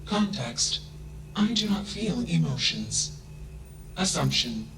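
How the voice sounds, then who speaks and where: A flat, emotionless AI machine. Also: male voice, on the high side, slow pace, low-quality recording. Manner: flat, emotionless, announces each thought with a one-word label. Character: emotionless male AI machine, coldly logical. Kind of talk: video game voice acting.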